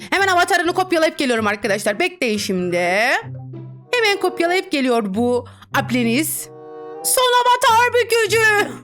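A woman's voice: high-pitched, fairly bright tone. A young woman commentating her online game casually, giggling, teasing other players and reading the chat aloud in playful voices. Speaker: gaming streamer. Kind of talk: casual Roblox gameplay commentary. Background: background music.

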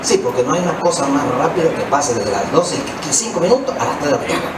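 A Dominican man doing live stand-up comedy on a small theater stage with a handheld mic, animated and slangy, slipping into voices. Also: fairly high pitch, fast, recorded from a distance. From Dominican Republic. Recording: echoey hall, mic heard from afar, loud noise.

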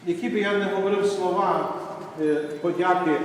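A high-voiced priest preaches and calls children forward one by one. He speaks formally, then gently. He is heard from far back in a big church with a long, ringing echo. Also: steady tone, moderate pace. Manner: formal church address, then warm calling of children by name. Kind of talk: sermon and first communion ceremony. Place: large church, recorded from a distance. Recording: echoey church from far off, faint noise.

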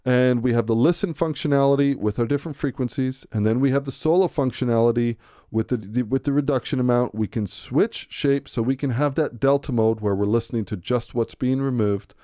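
A man giving a relaxed, conversational music production tutorial, thinking aloud as he works. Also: mid-range voice, a little fast, no room sound, clean studio sound. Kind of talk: screen-recorded software tutorial. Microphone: close to a studio microphone.

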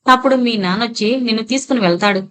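A woman voicing a kindly old grandfather who speaks softly and soothingly to a small girl. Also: a little high, very fast, lightly acted. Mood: gentle. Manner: soft, soothing, hushed.

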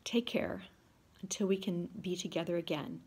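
A woman in her sixties, a class officer, giving measured prepared remarks over a video call from her living room. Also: fairly low pitch, a little mellow, husky. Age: 60s. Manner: measured, reading from notes. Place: home living room, indoors. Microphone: video call, laptop camera.

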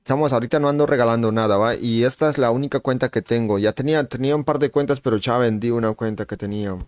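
A man's voice: mid-range voice, fast talker, no echo. A man live-streaming a shooter game, chatting casually with viewers, greeting them by name and reacting to the match with slangy exclamations. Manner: relaxed, slangy banter with frequent exclamations.

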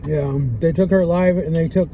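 High-pitched young man, mellow tone. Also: fairly even intonation, moderate pace. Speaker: vlogger. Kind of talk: casual chat to camera. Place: sitting inside a car. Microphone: camera at dashboard distance. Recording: background noise inside a car.

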